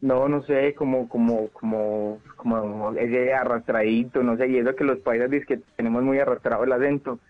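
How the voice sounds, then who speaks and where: A man's voice: medium pitch, fairly even intonation, fairly quick, hardly any pauses. Paisa man calling in on a dull line. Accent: Colombian paisa. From Medellín, Colombia. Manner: friendly, playful, flirty. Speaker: radio caller. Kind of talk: casual on-air phone chat. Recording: dull phone-line call.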